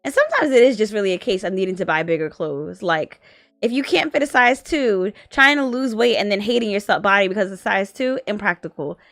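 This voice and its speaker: A woman's voice: medium pitch, big pitch swings, brisk, a bit bright, no echo, clean studio sound. A woman in her twenties chatting casually on a stream, rambling and full of filler words, sometimes sleepy. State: sleepy, yawning. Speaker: guest on husband's art stream. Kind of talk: casual chat.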